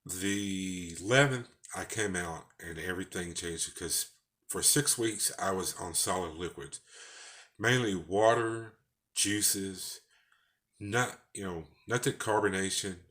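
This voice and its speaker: A man's voice: deep voice, slow pace, fairly bright tone. A man with a Texas twang, talking in a rambling, folksy way in a casual personal vlog. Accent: Texan. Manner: rambling, folksy, with false starts. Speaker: vlogger.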